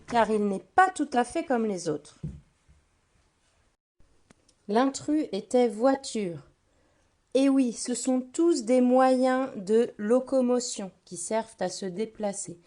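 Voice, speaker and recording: A woman giving a phonics lesson to a child, saying each word slowly and clearly and speaking to the listener directly. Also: fairly high pitch, a little mellow. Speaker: teacher.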